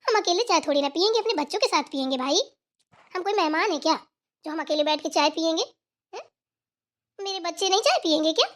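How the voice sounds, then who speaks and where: A woman's voice: very high-pitched, animated, fast talker, long pauses, fairly bright tone. A woman voicing an affectionate, chatty village mother visiting her daughter in a cartoon. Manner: affectionate, laughs easily. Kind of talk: cartoon voice acting.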